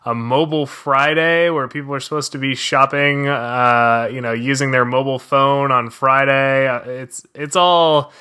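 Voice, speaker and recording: A man speaks as a podcast host in a conversational style. His voice sits at an average pitch and has a bright, crisp edge. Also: fairly even intonation, normal speed, few pauses. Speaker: podcast host, social media strategist. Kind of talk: podcast talk on marketing.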